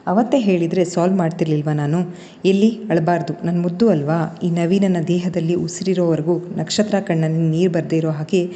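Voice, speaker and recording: A woman's voice: on the low side, steady tone, a little fast, warm tone, in a large hall, close to an everyday voice. A woman voicing a protective, teasing young man in a narrated story. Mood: soothing. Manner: teasing and reassuring.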